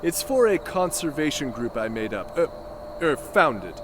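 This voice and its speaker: An actor playing a vain, melodramatic gentleman space adventurer in a comic sci-fi audio drama, speaking in a florid, theatrical way. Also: fairly high pitch, sing-song, measured pace, background noise. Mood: flustered bluster. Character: pompous, self-proclaimed dashing male space adventurer, vain and melodramatic.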